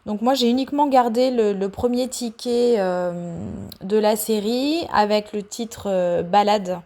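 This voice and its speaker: A mellow, mid-range female voice guides a paper craft tutorial in voice-over. She's patient with each step but hesitant, with many pauses and fillers along the way.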